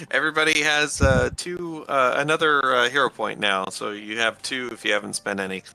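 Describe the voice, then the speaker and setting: A man running a tabletop game as game master, narrating in a halting way full of fillers and restarts. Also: mid-range voice, vocal fry, sharp tone, smooth.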